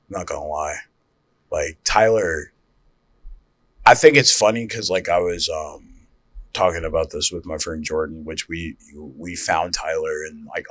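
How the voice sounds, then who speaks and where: A man's voice: extremely low pitch, fairly bright tone, no echo. A young man co-hosting a podcast in casual chat, slangy and laid-back, laughing often. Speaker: podcast co-host.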